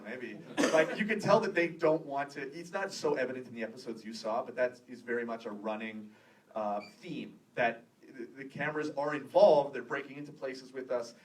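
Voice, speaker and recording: A Canadian man in his thirties tells stories at a post-screening Q&A, lively and quick to laugh, acting out the people he quotes. He is picked up from a distance in a theater, with a faint hiss under him. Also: mid-range voice. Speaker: filmmaker guest at a Q&A. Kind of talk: casual Q&A storytelling. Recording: distant room recording with faint noise.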